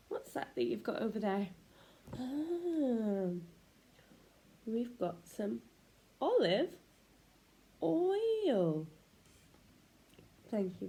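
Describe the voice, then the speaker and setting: A woman's voice: fairly high pitch, darkish tone. A woman teaching a children's phonics lesson, sounding out letters in an encouraging, sing-song way.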